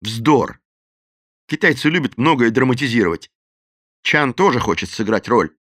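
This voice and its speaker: A man reading a novel aloud as an audiobook narrator with expressive, dramatic delivery. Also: medium pitch, normal speed, dry recording, studio quality. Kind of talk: scripted narration.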